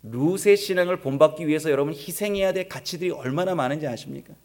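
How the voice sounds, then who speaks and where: A man's voice: a little high, quick pace, a little mellow. A man preaching a sermon as pastor, talking conversationally and asking the congregation questions.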